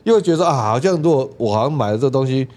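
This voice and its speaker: A middle-aged man with a Taiwanese Mandarin accent, a podcast host telling a story in casual chat with animated leaps into high exclaims. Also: rapid-fire.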